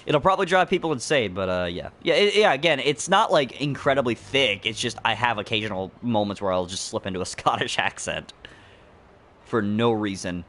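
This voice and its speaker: A man's voice: mid-range voice, expressive, a little fast, fairly bright tone. A young man chatting casually while streaming a video game, rambling from one thought to the next and laughing mid-sentence. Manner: rambling, chatty, jokes and talks to a friend. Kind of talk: casual let's-play commentary.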